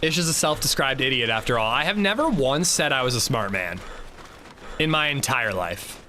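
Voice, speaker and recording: Chatty man streaming a game, lively voice. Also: mid-range voice, moderate pace, a little hiss or hum. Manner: chatty, self-mocking, reads chat aloud. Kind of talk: casual gaming livestream chat.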